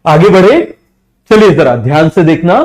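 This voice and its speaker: A young man teaches biology in a live online class, speaking into a streaming mic. He fires off quick questions and answers them himself. His voice sits a little high, and he draws out English terms slowly. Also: animated, darkish tone. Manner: mixes English terms into Hindi, drawn out slowly. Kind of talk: live online exam-prep lecture. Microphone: streaming microphone.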